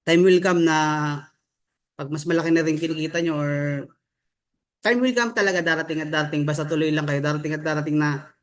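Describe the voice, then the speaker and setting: A man's voice: fairly high pitch, fairly even intonation, a little fast. A young man from the Philippines giving a casual motivational online training over a video call, reading out names and asking the group "no?" and "di ba?" as he goes. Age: young adult. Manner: chatty, reads out names with frequent "no?" and "di ba?". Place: home room with a staircase behind.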